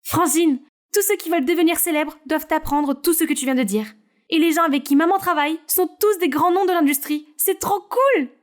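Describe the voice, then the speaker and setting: Woman narrator puts on a bubbly storybook little sister: eager, high. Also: a little fast. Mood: excited. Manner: gushing and eager.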